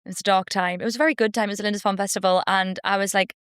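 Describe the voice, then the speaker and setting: Woman, podcast host, casual chat, rambling, playful, quick pace, dry close sound. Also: medium pitch, fairly even intonation, clear, resonant tone, no echo. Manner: rambling, lots of fillers and restarts, playful.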